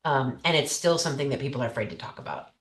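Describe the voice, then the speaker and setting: A middle-aged council member talks through ideas in a meeting, rambling and casual, full of fillers. The voice sits at a middle pitch. It rings in a roomy, echoing room. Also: big pitch swings, racing, fairly bright tone. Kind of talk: meeting discussion.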